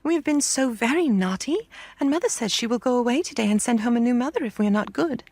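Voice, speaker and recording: A woman voicing young children who plead eagerly and desperately, in a high breathless voice. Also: animated, quick pace, darkish tone, no echo.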